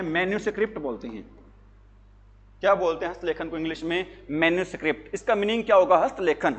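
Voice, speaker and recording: A male teacher giving an exam-prep lesson to students, asking questions and answering them himself in a call-and-response way, with jokes and anecdotes. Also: high voice. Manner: jokey, tells anecdotes.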